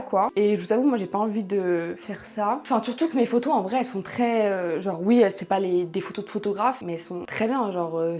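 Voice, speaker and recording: A young woman from France talks to her camera in a loose, rambling way, full of fillers and slang. She speaks very quickly at a mid-range pitch. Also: a little mellow. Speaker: vlogger. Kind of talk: casual chat to camera.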